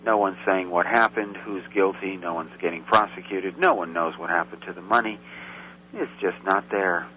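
A low-pitched man with a sharp tone, talking at normal speed, appears as a guest commentator on casual Central European radio. His rambling grows heated and indignant, and the recording is dull and faintly hissy.

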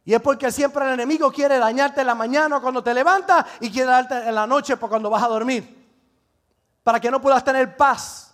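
Animated pastor preaching. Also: male voice, very high-pitched, moderate pace. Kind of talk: sermon.

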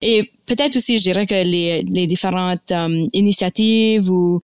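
A woman's voice: on the low side, measured pace, clean tone, no echo. A young woman from Nova Scotia with an Acadian French accent, a podcast guest who answers hesitantly and searches for her words. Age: young adult. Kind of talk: casual interview talk.

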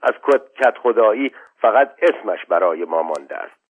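A man's voice: lowish voice, lively intonation, breathy edge. A man voicing a nomad mother who pleads and wails in defense of her son. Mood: pleading. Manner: wailing, pleading. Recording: tinny lo-fi phone-like sound.

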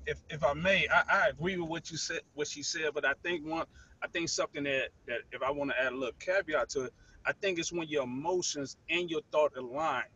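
A man's voice: on the high side, a little fast, bright, forceful tone, breathy edge. A man in a group discussion joining over a buzzy, glitchy online call that breaks up, talking earnestly and restarting words as he thinks. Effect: buzzy, glitchy online call audio that breaks up. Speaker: mastermind group member. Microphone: remote call connection. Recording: muffled, dry call line.

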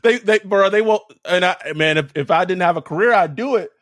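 A man's voice: high voice, fairly quick, a bit bright, no room sound, clean studio sound. A man hosting a sports podcast in casual, slangy fan banter, swearing freely and repeating phrases for emphasis.

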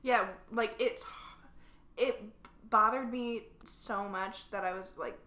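Woman, co-host, casual chat, opinionated and offhand, bright voice, echoey room. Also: fairly high pitch, slow. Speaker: podcast co-host.

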